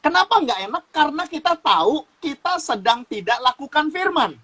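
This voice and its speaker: A man's voice: very high voice, very animated, moderate pace, pushed and bright, rough recording. A man from Sumatra teaching in a casual talk show, explaining like a preacher, repeating phrases and laughing as he goes. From Sumatra, Indonesia. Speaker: guest youth speaker.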